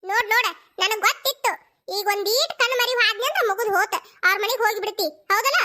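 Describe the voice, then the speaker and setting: A woman's voice: very high-pitched, sharp tone. A woman voicing a bossy, scolding village mother in a cartoon, with a North Karnataka Kannada accent. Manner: scolding, brisk.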